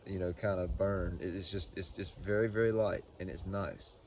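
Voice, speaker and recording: A man giving a casual, unscripted product review in a halting, folksy way, often repeating words as he goes. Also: low-pitched, steady tone, a little mellow, slight background noise. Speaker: pipe tobacco reviewer.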